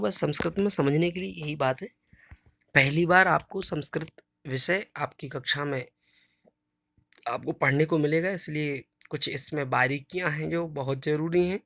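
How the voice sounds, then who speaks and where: A man's voice: on the high side, vocal fry, fairly bright tone, no room sound, clean studio sound. A man teaching a Sanskrit lesson to children, reciting verses syllable by syllable and explaining patiently. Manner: slow, drawn-out recitation of each syllable.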